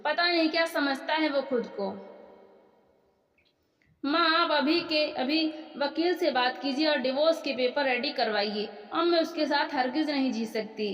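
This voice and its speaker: A woman reading the lines of a proud, quick-tempered young wife in a sharp, indignant tone, recorded in an echoey room. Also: high voice. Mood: angry. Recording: echoey room with long reverb.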